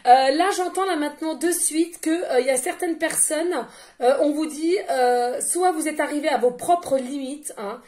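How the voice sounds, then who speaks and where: A woman giving a casual tarot card reading in a loud, carrying voice, chatty, laughing often and filling pauses with hesitations. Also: high voice. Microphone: no microphone, picked up by the device directly.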